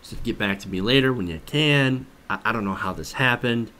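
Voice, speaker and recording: The host of a political commentary show talks fairly quickly in a medium-pitched voice that sounds pushed and bright. His news commentary is conversational, skeptical and emphatic, full of rhetorical questions.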